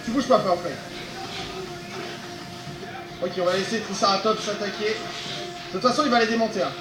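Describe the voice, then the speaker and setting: A man giving excited commentary on a video game he is playing, talking straight to his viewers, often shouting and laughing. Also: sits high, normal speed, echoey room, over music, low-quality recording. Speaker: gaming video host.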